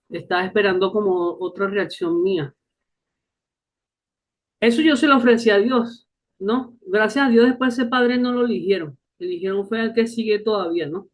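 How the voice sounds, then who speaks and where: Chatty man telling stories. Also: high-pitched. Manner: lively anecdotes with frequent tag questions and laughter. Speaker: speaker at a faith group gathering. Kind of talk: casual storytelling talk.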